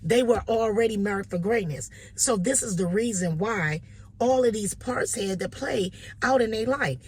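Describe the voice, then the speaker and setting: Woman vlogger, Detroit accent, casual storytelling, animated, conversational. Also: medium pitch, normal speed. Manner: animated, repeats "you know what I'm saying".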